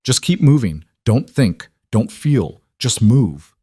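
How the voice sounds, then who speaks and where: A man's voice: medium pitch, big pitch swings, slow, warm tone, breathy edge, no echo, studio quality, heavily acted. A man voicing a weary, sardonic young waitress. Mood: steeling.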